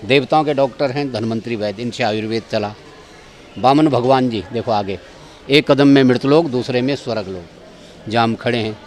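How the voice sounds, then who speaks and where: A man's voice: medium pitch, normal speed. Man guiding a tour outdoors. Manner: directive, keeps pointing things out. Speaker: tour guide. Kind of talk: guided tour talk. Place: outdoor temple grounds.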